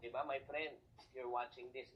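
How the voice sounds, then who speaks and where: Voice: medium pitch, little pitch movement, moderate pace, lo-fi sound, slight background noise. A motivational speaker with a Filipino accent, switching between Tagalog and English, asking rhetorical questions and then answering them. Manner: checks in with the listener as if chatting. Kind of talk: motivational talk.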